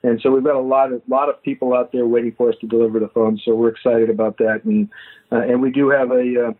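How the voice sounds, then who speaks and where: Guest, man in his 50s, husky, halting delivery, tinny phone line. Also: medium pitch, steady tone. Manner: halting, many fillers and restarts. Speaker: guest, foundation founder. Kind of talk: phone-in interview.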